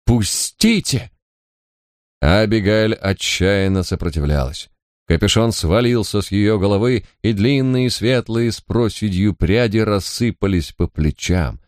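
A man narrating an audiobook in a measured, dramatic storytelling manner. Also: on the low side, darkish tone, no echo, studio quality.

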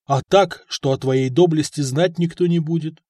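A man's voice: a little high, steady tone, mellow, no room sound, clean studio sound, close to an everyday voice. A man doing a grave older boyar. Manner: grave and measured. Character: serious older male boyar mentor.

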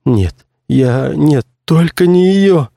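A man's voice: fairly high pitch, sing-song, normal speed, vocal fry, warm tone, dry recording, clean studio sound, voice pushed up, exaggerated voice. A man reading an audiobook voices a frightened, cornered male actor who stammers and pleads in a strained voice. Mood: pleading.

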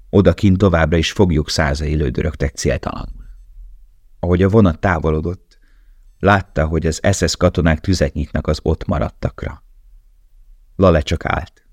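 A man reading an audiobook aloud in a measured, somber narration. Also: very deep voice, dry recording, studio quality.

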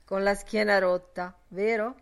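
A woman's voice: medium pitch, steady tone, unhurried, vocal fry, smooth. A woman reading voicing Mister Dedalus, a middle-aged man with a sneering, sardonic manner, in an audiobook.

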